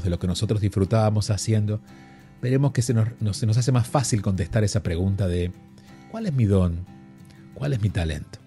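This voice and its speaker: Mellow, low-voiced male advice host. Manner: calm, reflective, gently reassuring. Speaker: radio show host. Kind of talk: call-in advice talk.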